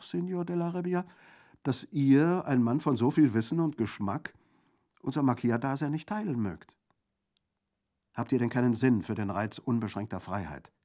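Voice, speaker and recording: A man's voice: medium pitch, moderate pace, a little mellow, pitched above the performer's own voice, close to an everyday voice. A man voicing a scholarly former theologian turned bandit in a radio reading, florid and ironic. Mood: wry.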